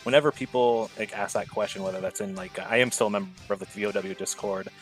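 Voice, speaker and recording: Male guest, 30s, casual rambler full of "um"s, deep voice. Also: fairly even intonation, fast, soft background music, rough recording. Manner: rambling, many fillers and restarts. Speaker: podcast guest. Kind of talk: casual chat.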